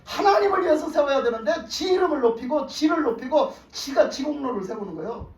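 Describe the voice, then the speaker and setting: A woman pastor preaching a sermon, retelling a story with lively asides and questions to the congregation. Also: high-pitched, brisk. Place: church sanctuary. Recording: roomy hall, distant mic.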